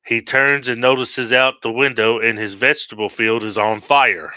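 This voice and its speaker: A man's voice: medium pitch, fairly even intonation, moderate pace, bright, forceful tone, clean tone, dry recording. A man reading his own horror story aloud steadily, with small slips, on a dull lo-fi recording.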